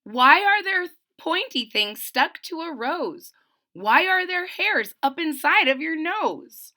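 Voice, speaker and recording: A woman reading a rhyming children's picture book aloud, pausing for plain-spoken asides that explain the story to young listeners. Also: very high-pitched, lively intonation, bright, forceful tone. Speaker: read-aloud narrator.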